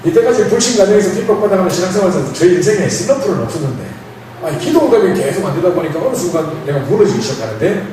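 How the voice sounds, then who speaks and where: A fast-talking man preaches a storytelling sermon. His voice is bright, and it swings up and down as he acts out the voices in his story. He is heard from across a church hall, with heavy echo and faint room noise. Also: high-pitched. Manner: animated, playful, acts out dialogue with laughs. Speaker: pastor. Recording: echoey hall, mic from far off.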